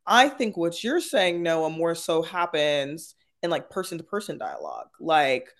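Higher-pitched man, emphatic talker. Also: sing-song, unhurried, a bit bright. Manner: emphatic, articulate, frequent "like" and "right?". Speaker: panel guest. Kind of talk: casual, opinionated discussion.

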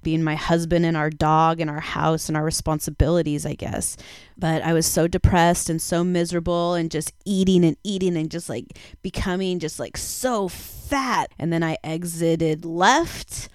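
Woman, forties, podcast host; frank and confessional storyteller, low-ish smooth voice, dry close sound. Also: steady tone, normal speed, no room sound. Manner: confessional and frank, casual swearing. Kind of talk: candid personal storytelling.

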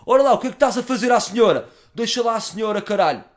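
Homem a fazer uma voz de durão rouco aos gritos. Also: male voice, high voice, expressive, racing, pitched above the performer's own voice. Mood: angry shouting. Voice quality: loud, barking, rough. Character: gruff tough street guy, man.

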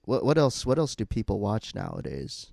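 A man's voice: on the low side, huge pitch swings, normal speed, vocal fry, a little mellow, no echo. A man chatting casually as a podcast co-host, hesitant and laughing often. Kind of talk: casual chat.

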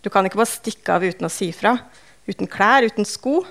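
A woman voicing a gruff, caring middle-aged uncle who scolds bluntly and swears, read in an audiobook. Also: medium pitch, fairly bright tone. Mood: scolding.

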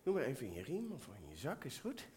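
Woman storyteller for a kids' stage show, patient, playful, animated pitch, on a headset mic. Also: fast talker, a little hiss or hum. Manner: patient and playful, explaining simply. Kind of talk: live children's story narration. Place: live theatre stage.

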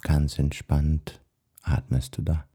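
A man with a soft, husky, breathy voice guides a meditation in a hushed, soothing manner, leaving long pauses. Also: a bass voice, little pitch movement. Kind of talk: guided meditation, body scan.

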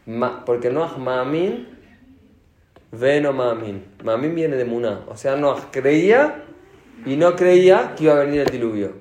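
A man with an Argentine accent giving a sermon as a rabbi, animated and asking his audience questions. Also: mid-range voice, unhurried, slight background noise. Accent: Argentine Spanish. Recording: echoey room.

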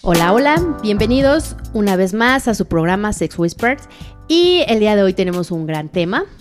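A woman's voice: medium pitch, sing-song, normal speed. A Mexican woman hosting a podcast in casual, conversational talk. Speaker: podcast host. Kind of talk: casual chat. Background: faint music.

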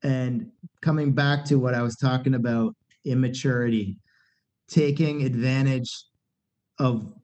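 Guesting on a podcast for a casual conversation, a middle-aged man who sings in a punk band talks candidly and rambles, with many fillers and restarts. His voice is nasal, mid-range, steady, a bit slow and darkish, captured in a dull lo-fi recording.

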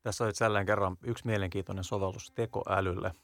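A man's voice: low voice, fairly even intonation, fairly bright tone, no room sound. A man hosting a podcast, thinking aloud in a musing way about future possibilities. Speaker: podcast host. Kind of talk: casual podcast chat.

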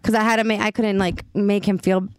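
A woman's voice: medium pitch, level tone, fairly quick, clean tone, no echo, studio quality. A woman co-hosting a podcast in casual chat, blunt and teasing. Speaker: podcast co-host.

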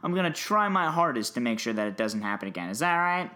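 Male podcast host, mid-pitched, self-deprecating and apologetic, informal solo delivery. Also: big pitch swings, quick pace, bright, forceful tone. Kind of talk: casual spoken introduction.

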